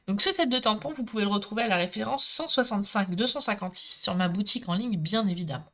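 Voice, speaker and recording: A middle-aged woman with a Marseille accent talks fast in a sharp, mid-range voice. She's chatty, speaking directly to viewers while she demonstrates a craft project live.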